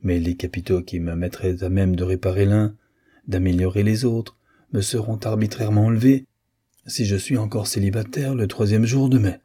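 A resigned young nephew, read by a man narrating an audiobook, speaking politely with a dry, ironic restraint. The voice is low, dark and husky. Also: fairly even intonation, moderate pace. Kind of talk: audiobook character reading.

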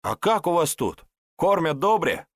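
A man's voice: on the high side, big pitch swings, fairly bright tone, no echo, clean studio sound, pitched above the performer's own voice, heavily acted. A man voicing a scrawny, starving young peasant lad who pleads eagerly for work. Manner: eager, pleading, talks fast. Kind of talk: audiobook character voice.

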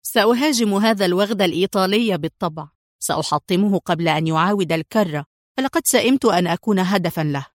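Woman voicing a calm, sardonic spy hero. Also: on the low side, fast, no room sound, clean studio sound, close to an everyday voice. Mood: cool. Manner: calm, dryly mocking. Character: cool, sardonic male secret agent hero.

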